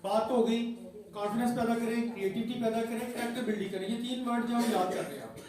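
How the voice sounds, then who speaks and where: A man's voice: extremely high pitch, fast talker, noisy background. A man with a Pakistani Urdu accent, leading an interactive parenting workshop and asking the audience questions. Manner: conversational, asks the audience questions. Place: school hall with an audience. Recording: echoey hall from far off.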